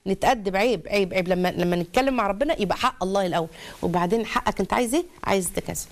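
A middle-aged woman with an Egyptian accent giving a lively religious talk to mothers, firing off rhetorical questions. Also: medium pitch, very fast. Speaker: religious lecturer.

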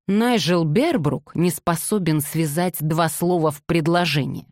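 A woman reading the curt, exasperated lines of a young gentleman in an audiobook. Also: deep voice, a little slow, no room sound, clean studio sound.

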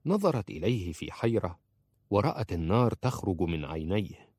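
A man narrating a romance novel as an audiobook in a dramatic, expressive way. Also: low voice, brisk, slightly rough, dry recording, studio quality.

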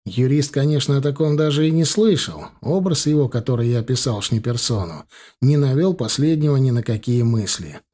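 A man reads a first-person audiobook story in a cool, measured voice. His pitch rises and falls in a lively way. He sounds calm and in control of the telling. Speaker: audiobook narrator.

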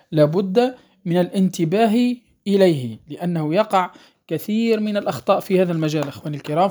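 Male recitation teacher, patient lesson delivery, measured pace with pauses and fillers. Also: sits high, darkish tone. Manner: checks understanding with the listener, drawing out sounds to demonstrate. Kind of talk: spoken lesson on recitation rules.

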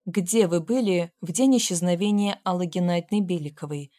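A woman's voice: fairly low pitch, normal speed, mellow, no room sound, clean studio sound, lightly acted. A woman reading an audiobook, voicing a middle-aged male investigator who questions curtly. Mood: stern. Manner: curt, questioning.

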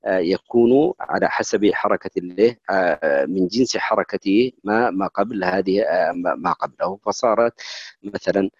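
In an explanatory lecture, a man with a low, slightly rough voice teaches the rules of recitation at a normal speed, often checking in with his listeners and stopping to restart what he's saying. The recording has no echo, and the high frequencies are cut off.

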